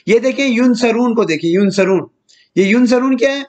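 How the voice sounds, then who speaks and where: A man with a high voice, well above the usual male range, teaching a grammar lesson at an even, patient pace. He keeps putting questions to his listeners and answering them himself. He reads each example out slowly and often stops to check that they follow. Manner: draws out Arabic examples slowly and deliberately; often checks in with "theek hai". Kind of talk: recorded grammar lecture.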